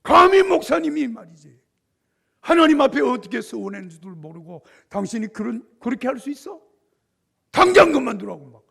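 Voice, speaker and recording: A man voicing an angry general's wife who shouts and scolds in a sermon story. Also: sing-song, fairly quick, vocal fry, breathy edge, exaggerated voice. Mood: furious. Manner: shrill furious shouting.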